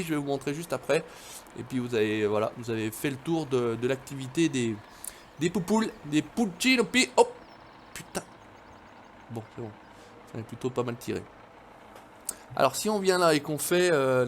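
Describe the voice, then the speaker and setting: A man's voice: on the high side, slight background noise. A man casually commentating a farming game, chatty, swearing now and then, and talking straight to his viewers. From France. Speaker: gaming video host.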